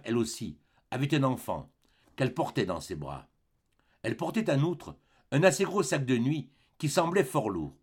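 A man reading a classic novel aloud as an audiobook, with expressive, dramatic narration. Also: mid-range voice, husky. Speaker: audiobook reader. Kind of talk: scripted narration.

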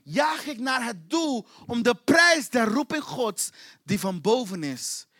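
A man preaches to his congregation with fervent, repetitive intensity, hammering the same question again and again. His voice sits very high for a man and rings bright and forceful. The sound is dry and close to the mic. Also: expressive, slow, no echo. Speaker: pastor. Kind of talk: sermon. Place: church.

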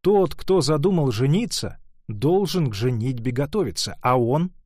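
A man voicing a proper middle-aged mother who lectures her daughter in a measured, disapproving way. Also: mid-range voice, expressive, darkish tone, no echo, studio quality, lightly acted.

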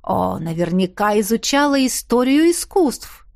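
A woman's voice: fairly high pitch, sing-song, unhurried, creaky, darkish tone, dry recording, heavily acted. Woman reader as a gushing theater director; exclamatory, dry sound. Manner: effusive, exclamatory. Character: adult man, a fawning, excitable theater director.

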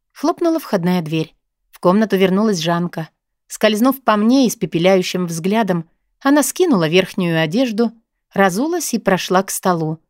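A woman's voice: medium pitch, darkish tone, dry recording. Woman reading a first person romance novel, close dry mic, mid voice, intimate tone. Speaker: audiobook narrator.

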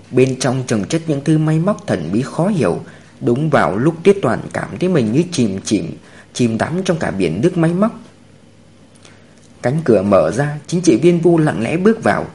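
A man narrates a crime story aloud, in the manner of an audiobook. His pitch rises and falls a lot as he tells it. His voice sits in a middle range. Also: darkish tone.

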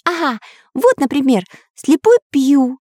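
Karandash, a woman doing a high eager young artist. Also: big pitch swings, unhurried, dark tone, no room sound, studio quality. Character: excitable young male artist, cheerful and eager.

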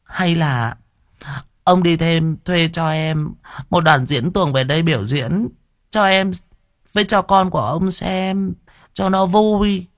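A man's voice: fairly high pitch, takes it slowly, no room sound, studio quality, voice pushed up. A man voicing a scheming middle-aged stepmother who screeches, wails and nags. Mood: wheedling. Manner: screeching, wailing, nagging.

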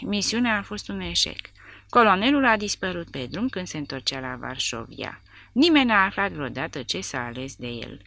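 A woman reading a novel aloud as an expressive narrator. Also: on the low side, vocal fry, no echo. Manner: expressive storytelling. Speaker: audiobook narrator. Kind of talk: scripted narration.

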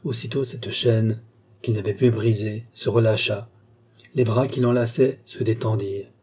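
Mellow, husky male audiobook narrator. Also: lowish voice, fairly even intonation. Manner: measured, dramatic reading.

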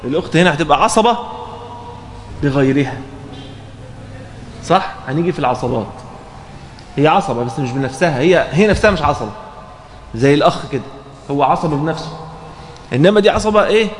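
A man's voice: fairly high pitch, animated, fairly quick, pauses often, a little hiss or hum. A man with an Egyptian Arabic accent, teaching a religious law text to students, reading passages and then explaining them with frequent check questions. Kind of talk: explaining a fiqh text in a lesson. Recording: roomy echo, faint background ambience.

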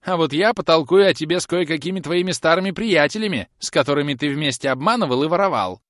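A man reading an audiobook, voicing a spiteful old woman with a shrill, jeering, scolding manner. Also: big pitch swings, a little fast, fairly bright tone, no echo, studio quality. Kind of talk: audiobook character voice.

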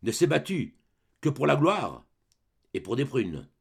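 A man's voice: mid-range voice, very animated, a little slow, gravelly, breathy edge, exaggerated voice. A man reading the part of a boastful old grenadier sergeant, declaiming rhythmic verse in a dramatic reading of a play. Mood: proud.

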